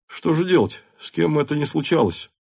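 A man's voice: medium pitch, moderate pace, a little mellow, close to an everyday voice. A man reading an audiobook aloud and voicing an ashamed young nobleman who speaks in a forced, casual tone. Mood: offhand.

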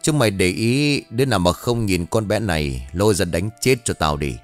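A man's voice: sits low, animated, moderate pace, faint music behind. A man voicing a cruel, lecherous old village tyrant who sneers and barks abusive orders in an audiobook story. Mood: sneering cruel.

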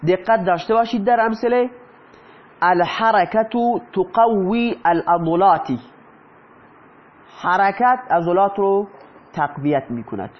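A high-pitched man explains an Arabic grammar lesson in Persian, often posing a question to his students and then answering it himself. The sound is lo-fi.

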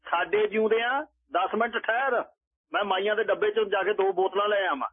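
A cocky, drunken old holy man, voiced by a man taunts and insults everyone in a high, husky voice. His talk is bold and mocking. It comes over a thin, phone-like radio line. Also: a little fast, dry recording. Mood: wheedling.

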